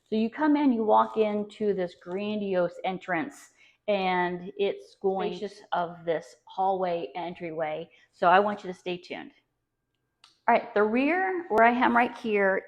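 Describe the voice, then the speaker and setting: A woman real estate agent gushing chattily through a casual walk-through tour of a house as she moves from room to room. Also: fairly low pitch. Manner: gushing, chatty sales talk. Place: indoors, walking through a house. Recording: dull, lo-fi sound.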